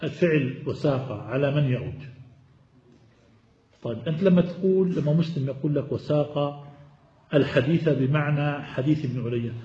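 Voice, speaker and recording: A man's voice: a little high, moderate pace, pauses often, mellow. A man teaching a classical text lesson, explaining each point step by step and putting questions to his students before answering them. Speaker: hadith teacher. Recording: echoey, dull lo-fi room recording.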